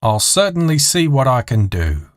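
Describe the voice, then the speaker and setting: A man's voice: medium pitch, big pitch swings, moderate pace, no echo, clean studio sound. A man voicing a snide flight stewardess in an audio story, with a put-on politeness. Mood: falsely chirpy. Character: snide flight stewardess, falsely chirpy, bitter underneath.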